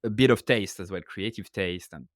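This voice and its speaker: A fairly low-pitched man at a moderate pace, recorded in clean studio sound without echo, is a French author guesting on a podcast. English isn't his native language, and with a French accent he casually explains ideas in interview talk, often saying "right?".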